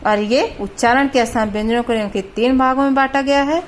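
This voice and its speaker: Woman grammar teacher, slightly high voice, patient, sounds out letters slowly, faint background hiss. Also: fairly even intonation. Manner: patient, repeats sounds slowly to demonstrate pronunciation; mixes in English words. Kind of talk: explaining at a board.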